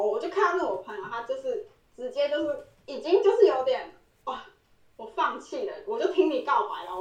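On a podcast she co-hosts, a woman shares a story in relaxed chat, frequently laughing and performing the lines she quotes. Her voice is on the high side, and it sounds distant and set back from the microphone, with a roomy echo.

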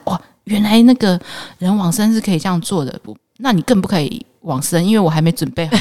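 Animated Buddhist nun telling a story. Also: female voice, on the low side. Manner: emotional, animated retelling with laughs. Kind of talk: personal storytelling in an interview.

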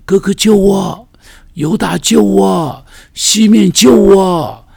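A man's voice: sits high, sing-song, a little slow, voice pushed up, full character voice. A man voicing a desperate young man sold by his brothers, pleading in shaky, half-whispered cries. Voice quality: gravelly, husky.

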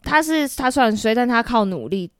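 A woman's voice: fairly high pitch, expressive, fairly quick, smooth, no echo, clean studio sound. A young woman with a Taiwanese Mandarin accent, hosting a casual chat in a playful, teasing way. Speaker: podcast host.

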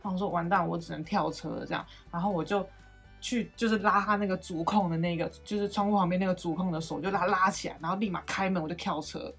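A young woman co-hosting a casual chat, retelling a story with animated, swearing quotes. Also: on the low side, quick pace, slightly rough, soft background music. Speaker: podcast co-host.

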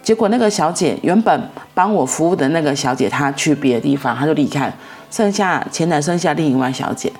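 A woman's voice: deep voice, animated, fairly quick, gravelly, darkish tone, faint music behind. A middle-aged woman, telling a story in a casual, rambling way and repeating herself as she goes. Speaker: vlogger.

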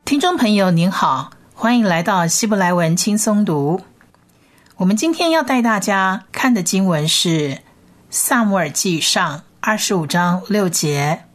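A woman teacher leading a Bible Hebrew reading lesson, slowly and patiently sounding out each letter. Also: mid-range voice, expressive. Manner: slow, patient spelling-out of sounds.

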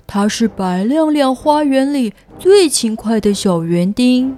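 A woman's voice: on the high side, expressive, unhurried, warm tone. A woman playing an earnest, dutiful little fairyland soldier who explains things in a children's audio storybook. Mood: earnest, informative.

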